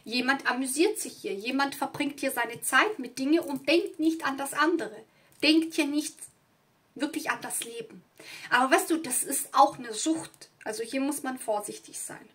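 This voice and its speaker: Her voice is high-pitched and fairly bright, at a normal speed. She's a tarot reader, not a native German speaker, giving a loose, rambling reading with plenty of fillers and asides at an indoor table set with candles and flowers.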